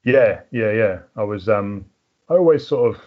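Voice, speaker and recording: A man's voice: lowish voice, lively intonation, moderate pace, lo-fi sound. A middle-aged man with a southern English home counties accent, chatting casually as an interview guest in a hesitant, thinking-aloud way. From southern England. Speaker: podcast guest, mountain biker.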